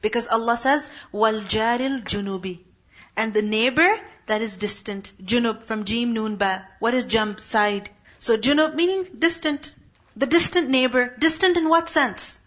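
High-voiced woman teaching a class. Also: measured pace, a bit bright, highs cut off. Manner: asks the class questions and answers them herself. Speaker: Quran teacher. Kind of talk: classroom tafsir lesson.

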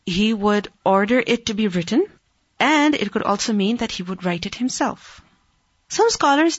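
Lady teacher going through hadith line by line, slightly high husky voice, dull dry recording. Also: dry recording. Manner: reads Arabic quickly, then translates phrase by phrase. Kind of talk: religious lesson explaining hadith.

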